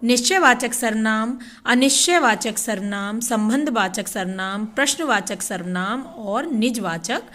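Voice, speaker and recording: A woman teacher walks children through a grammar lesson. Her voice sits a little high, and she reads each example sentence aloud at an unhurried pace. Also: a bit bright. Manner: addresses children directly.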